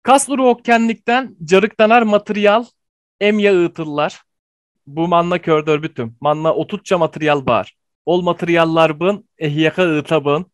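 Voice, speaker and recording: High-voiced man teaching a language. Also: dry recording. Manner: explanatory, pausing with fillers. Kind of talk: online language lesson.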